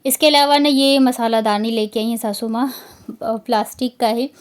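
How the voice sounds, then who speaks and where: A thirties woman from Bihar, India, narrates her home vlog in a chatty, rambling voice-over packed with fillers. Her voice sits on the high side, with a steady tone and a moderate pace.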